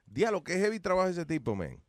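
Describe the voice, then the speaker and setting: Lively, animated man chatting casually. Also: high-pitched, fairly quick, no echo, studio quality. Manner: animated, laughing, mixes in English phrases. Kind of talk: casual chat.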